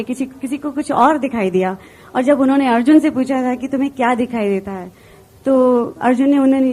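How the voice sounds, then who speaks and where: A woman's voice: on the high side, a little mellow. A woman from India giving an earnest motivational stage talk, telling personal stories and mixing in English words. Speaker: business seminar speaker.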